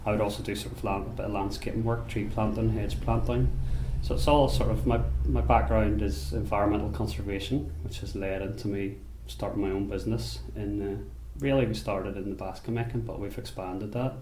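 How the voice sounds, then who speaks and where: A man from Belfast with a Northern Irish accent, a basket maker talking about his craft in an unhurried, thoughtful way, often restarting his sentences. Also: fairly low pitch, steady tone, dark tone, echoey room, slight background noise. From Belfast, Northern Ireland. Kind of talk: interview monologue. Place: rural workshop or home.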